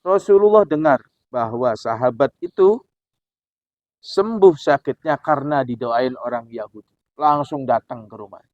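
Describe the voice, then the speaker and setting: A man preaching who tells a story in an animated way, acting out the dialogue as he goes. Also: mid-range voice, unhurried, no room sound. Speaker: Islamic preacher. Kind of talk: sermon storytelling. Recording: dull, dry recording.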